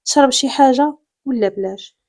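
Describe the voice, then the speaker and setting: A woman's voice: high-pitched, brisk, a little mellow. A woman with a Moroccan accent voicing a frightened, proud young woman who speaks hesitantly in a story. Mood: nervous. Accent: Moroccan Arabic. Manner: hesitant, pleading.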